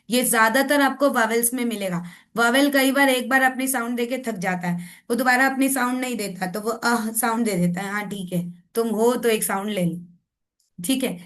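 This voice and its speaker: A woman's voice: on the high side, fairly bright tone. A woman, training teachers in phonics and patiently explaining, often checking that everyone follows. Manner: mixes Hindi and English. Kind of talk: online phonics training lesson.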